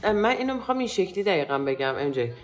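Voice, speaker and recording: A woman co-hosting a podcast in casual chat, animated and acting out quoted lines as she talks. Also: lowish voice, soft background music. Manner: animated, acts out quoted lines, laughs easily. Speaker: podcast co-host.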